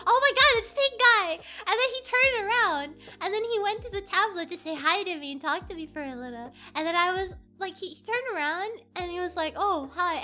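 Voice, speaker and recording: A streamer chatting casually on a livestream, telling a story in an excitable, rambling and giggly way over faint background music. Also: extremely high pitch. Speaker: VTuber streamer.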